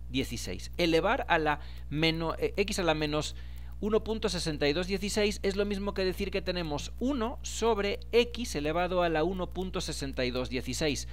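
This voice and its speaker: A man, explaining a data analysis tutorial step by step and speaking directly to his viewers. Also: on the high side. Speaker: instructor. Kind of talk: screen-recorded tutorial.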